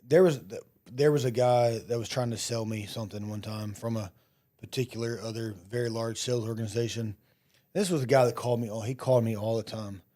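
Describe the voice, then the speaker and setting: A man's voice: medium pitch, steady tone, brisk, mellow. A man hosting a podcast, chatting casually and affirming his guest often. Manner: frequent affirming back-channel, rambling anecdotes. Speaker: podcast host.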